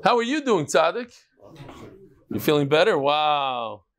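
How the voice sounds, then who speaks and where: In a big wood-paneled study hall, a middle-aged man runs his daily Talmud class and reads emails aloud at a measured pace. His slightly high voice swings widely in pitch as he offers chatty asides and Hebrew terms to those around him.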